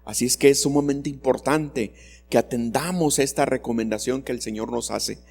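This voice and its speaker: A man's voice: mid-range voice, normal speed, gravelly, darkish tone. Man preaching, earnest, reads and explains bible verses, long hall reverb, faint music behind. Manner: earnest, addresses listeners as brothers. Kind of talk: sermon. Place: church.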